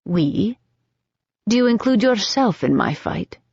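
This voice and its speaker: A woman voicing a proud aristocratic young man, a lord, speaking tersely in a slightly lowered voice. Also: big pitch swings, slow, a little mellow, slightly rough, no room sound, exaggerated voice. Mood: guarded. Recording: dull, dry audiobook recording.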